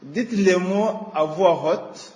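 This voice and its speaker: Slow high-voiced man teaching a radio lesson. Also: mellow. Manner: slow, deliberate teaching delivery. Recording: echoey hall with long reverb.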